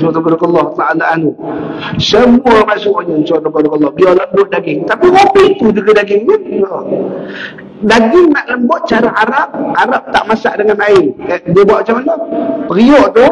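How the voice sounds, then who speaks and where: Malaysian male preacher, high voice, storytelling sermon, roomy distant recording. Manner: storytelling, frequent pious interjections, lively. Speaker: religious teacher. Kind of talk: casual sermon. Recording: echoey room, voice from a distance.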